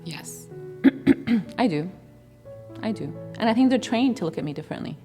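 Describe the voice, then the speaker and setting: A woman's voice: medium pitch, expressive, moderate pace, warm tone, soft background music. A woman speaking firmly and earnestly as an interviewee, sure of herself. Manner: firm, earnest and self-assured. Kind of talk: candid studio discussion. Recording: reverberant room.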